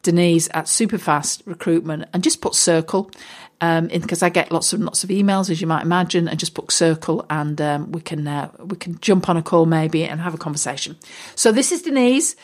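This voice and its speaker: A woman's voice: lowish voice, a little fast. A woman talking casually as a business coach and host, chatty with many fillers and restarts. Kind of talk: casual solo talk.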